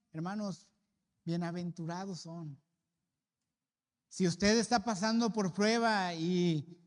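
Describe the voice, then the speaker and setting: A man's voice: high-pitched, a little mellow. A man with a Mexican accent preaching a sermon as a pastor, speaking earnestly and appealing directly to the congregation. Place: church sanctuary. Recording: long church-hall reverb.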